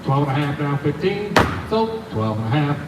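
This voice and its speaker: A man's voice: on the high side, big pitch swings, normal speed. A man working as an auctioneer, calling bids in a repetitive sing-song chant. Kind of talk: live auctioneer chant, rattled-off repeated bids. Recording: roomy, distant, noisy live auction recording.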